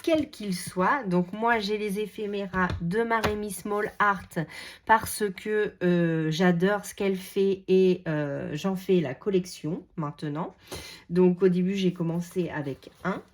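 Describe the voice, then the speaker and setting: A woman's voice: mid-range voice, slow. A woman hosting a craft channel, leafing through her collection in a casual, hesitant way with many fillers and enthusiastic repeats. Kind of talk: casual product show-and-tell.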